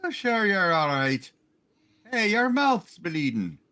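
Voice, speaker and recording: Woman playing Bert, a bright, brash cop. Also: fairly low pitch, very animated, slow, full character voice. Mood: exasperated concern. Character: brash, exasperated but friendly male small-town cop. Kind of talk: hammed-up live radio play reading.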